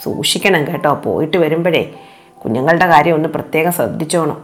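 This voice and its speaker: A woman's voice: sits low, brisk, faint music behind, close to an everyday voice. A woman voicing a scheming, gossiping mother cat in a told children's story, speaking in a sly, persuasive way.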